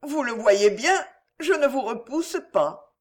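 A woman's voice: on the high side, animated, slow, pitched above the performer's own voice. A woman voicing a shy, troubled young woman torn by love, speaking with restrained, trembling earnestness in a storybook reading. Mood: emotional.

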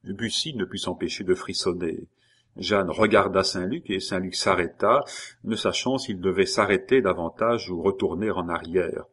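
A man reading a classic novel aloud in a measured, expressive way. His voice sits low, and the narration is steady and unhurried. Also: husky. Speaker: audiobook narrator.

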